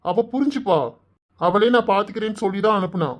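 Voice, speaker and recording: A woman's voice: medium pitch, lightly acted. A woman voicing a young village man in a cartoon, with a Kanyakumari Tamil accent, teasing and coaxing his sweetheart. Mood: reassuring. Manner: teasing and coaxing, soft and drawn-out. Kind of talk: cartoon voice acting.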